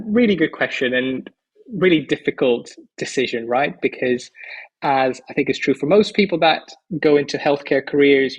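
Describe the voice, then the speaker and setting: On a podcast interview, a man of about forty from the Netherlands, a doctor by profession, talks with articulate enthusiasm. His voice is mid-range, and the sound is lo-fi.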